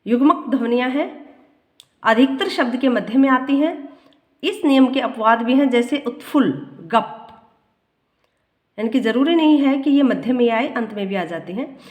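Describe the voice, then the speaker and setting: Higher-pitched woman teaching from notes, echoey room. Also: expressive, darkish tone. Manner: reads a line, then repeats it slowly to explain. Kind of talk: reading aloud and explaining grammar notes.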